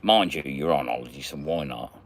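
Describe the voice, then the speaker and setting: Rumbling low and fairly quick, this man runs a laid-back magnet fishing livestream, reading viewer comments aloud and greeting people by name as he chats.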